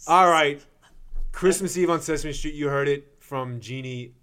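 A man with a New York accent co-hosting a casual chat, animated, laughing easily and swearing casually. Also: on the high side, a little slow, smooth. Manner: does character voices. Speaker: podcast co-host.

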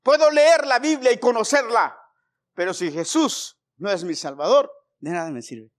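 A man preaches, his voice pitched high. He swings from fervent, loud exhortation to quiet, hushed storytelling. The sermon is delivered in a church. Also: animated, normal speed.

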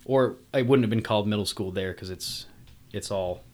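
A man grown up in England, talking casually and haltingly about his family, with many restarts. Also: lowish voice, darkish tone. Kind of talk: casual conversation.

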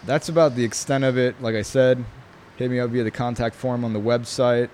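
Here the same knife maker, a New Yorker raised speaking Italian, talks at a brisk clip in a mid-range, darkish voice with fairly even intonation. He's a thoughtful interview guest who uses many fillers, and there's slight hiss or hum in the background.

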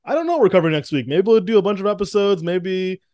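Male podcast co-host, higher voice, animated casual delivery, dry studio sound. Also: fast talker, dry recording. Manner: animated, laughing, mimics characters in quotes. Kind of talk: casual chat.

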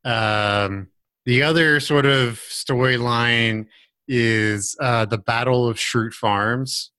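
A man co-hosting a casual podcast chat, talking in a halting way with many fillers and restarts. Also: medium pitch, fairly even intonation, pushed and bright, smooth, no echo. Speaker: podcast co-host.

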